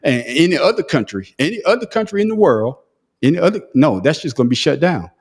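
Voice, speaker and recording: A man with a rather high, sing-song, slightly rough voice talks fast as he hosts a casual podcast. Heated and emphatic, he debates his point and keeps restarting his sentences.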